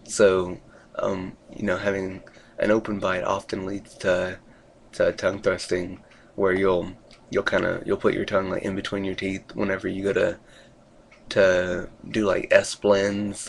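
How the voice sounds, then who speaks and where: Low, monotone man with gravelly fry. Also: a little hiss or hum. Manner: rambling, hesitant, trailing off. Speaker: vlogger giving a recovery update. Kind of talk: casual video diary.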